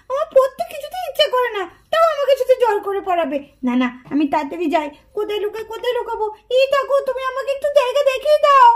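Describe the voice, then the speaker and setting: Brief: woman as sulky little puppet girl, very high, pleading whine. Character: whiny stubborn little girl faking illness. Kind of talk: puppet-show cartoon voice.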